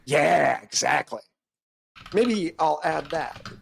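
Excitable rambling man on a livestream. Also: on the high side, takes it slowly, creaky, slight background noise, poor audio. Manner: rambling, restarts, excitable, laughs often. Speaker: livestream co-host demonstrating AI image prompts. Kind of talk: casual livestream chat.

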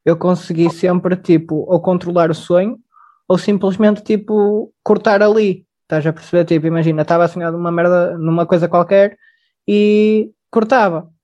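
Mellow young Portuguese speaker, rambling. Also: male voice, high voice, fairly even intonation, normal speed, dull audio. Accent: European Portuguese. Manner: loose, slangy, rambling. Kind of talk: casual chat.

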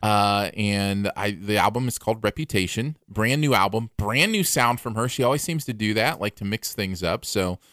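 A man's voice: fairly low pitch, expressive, moderate pace, few pauses, a bit bright, dry recording, studio quality. A man co-hosting a casual music review podcast, talking enthusiastically with music playing behind him. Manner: enthusiastic, laughs often. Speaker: podcast co-host.

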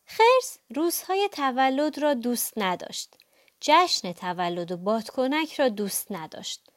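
A woman reading a children's audiobook aloud, playful and animated, adding sound effects. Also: high voice, no room sound, clean studio sound. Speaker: storyteller.

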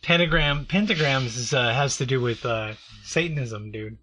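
A man's voice: mid-range voice, normal speed, sharp tone. A man chatting casually and joking sarcastically, who grew up in a Mexican community. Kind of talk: casual chat.

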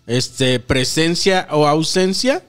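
A man's voice: on the high side, a bit bright, smooth, soft background music. A young Mexican man co-hosting a comedy podcast, searching for words with many fillers. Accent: Mexican Spanish. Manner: slow and hesitant, filling pauses with "este". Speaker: podcast co-host. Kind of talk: comedic banter.

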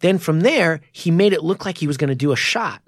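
A man's voice: on the high side, animated, fairly quick, no room sound. A man co-hosting a podcast, casually and enthusiastically explaining fight technique in a studio. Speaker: podcast co-host.

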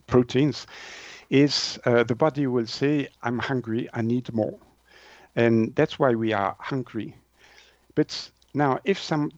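Speaking in a second language, this interview guest from Switzerland often pauses to hunt for the right words as he explains things. He has a Swiss French accent and a mid-range, darkish voice, captured in a dry, lo-fi recording.

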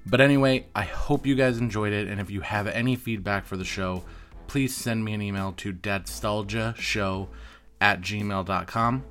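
A man's voice: on the low side, normal speed, fairly bright tone, faint music behind. A man hosting a casual podcast, joking and self-mocking as he wraps up, recorded on a single shared microphone. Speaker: podcast host. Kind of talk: casual podcast chat and outro. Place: room with friends around one mic.

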